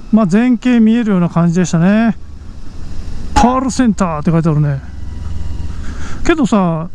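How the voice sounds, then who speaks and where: Recorded through a helmet mic on a moving motorbike, with slight background noise, this high-voiced motovlog host rides a mountain road. He narrates casually and sounds excited, frequently breaking into exclamations about the views.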